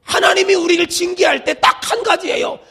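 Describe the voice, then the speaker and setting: A middle-aged male senior pastor preaching a sermon, leading the congregation in call-and-response and swinging between loud shouts and hushed asides. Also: extremely high pitch, fairly even intonation, a little fast.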